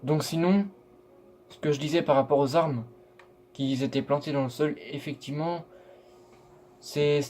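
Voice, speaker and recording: A man's voice: a little high, steady tone, measured pace, long pauses, a little mellow, a little hiss or hum. A tired man reading a manga chapter aloud and commenting on it, stumbling over words as he goes. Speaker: manga reaction streamer.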